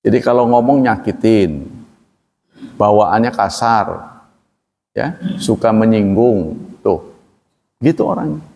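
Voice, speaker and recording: A man's voice: fairly low pitch, expressive, takes it slowly, gravelly, pauses often, mellow, big-room sound. A man teaching at a religious study gathering, explaining Arabic terms in a loose, conversational way and asking the audience questions. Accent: Indonesian, from Banten region. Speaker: Islamic teacher.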